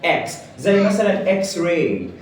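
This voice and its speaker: A man with an Egyptian Arabic accent teaching English letter sounds, saying each sound slowly and repeating it twice. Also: high-pitched, big pitch swings, far from the mic. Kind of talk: phonics lesson. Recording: very echoey room, away from mic.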